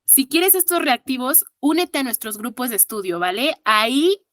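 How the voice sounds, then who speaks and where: A woman with a Mexican accent teaches an online exam-prep class, counting syllables aloud and patiently praising her students. Her voice sits high and swings widely in pitch, with a fairly bright tone at normal speed. The recording is dry, with clean studio sound.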